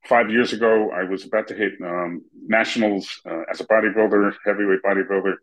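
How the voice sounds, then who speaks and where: Low-voiced man in his fifties, host. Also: a little fast, rough recording. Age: 50s. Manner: relaxed and plain-spoken, short affirmations. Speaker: interviewer, host. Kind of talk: casual interview talk.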